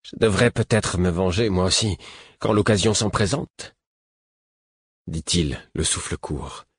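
A man's voice: low-pitched, measured pace, breathy edge, dry recording, studio quality, pitched below the performer's own voice. A man voicing a frail, bitter man who speaks short of breath, his voice near cracking.

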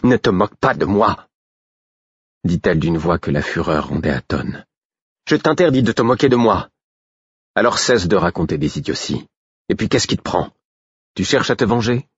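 A man reading an audiobook and voicing a quick-tempered, scornful young woman who talks in a sharp, mocking way. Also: sits low, animated, husky, no room sound, dull audio, exaggerated voice. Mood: furious.

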